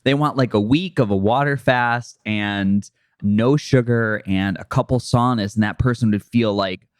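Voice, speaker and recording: A man hosting a podcast, talking in a relaxed, chatty way with lots of fillers. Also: fairly low pitch, measured pace, clear, resonant tone, dry recording, clean studio sound. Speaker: podcast host. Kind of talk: casual interview chat.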